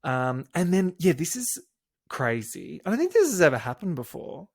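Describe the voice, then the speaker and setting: A man's voice: a little high, sing-song, moderate pace, creaky, a little mellow, slightly rough. A man co-hosting a podcast, recapping a reality show in camp, gossipy casual chat. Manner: camp, gossipy, quotes people in put-on voices. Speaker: podcast co-host.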